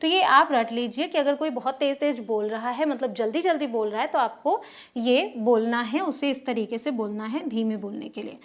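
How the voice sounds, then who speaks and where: A woman teaching spoken English, mixing English phrases into her explanations and reading each example sentence slowly and deliberately. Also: fairly high pitch.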